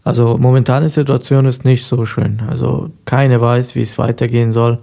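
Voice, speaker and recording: A man's voice: medium pitch, little pitch movement, normal speed, gravelly, dark tone. A man in his thirties from Afghanistan, a guest on a local radio show, telling his story in a hesitant way with many fillers. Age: 30s. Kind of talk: casual interview talk.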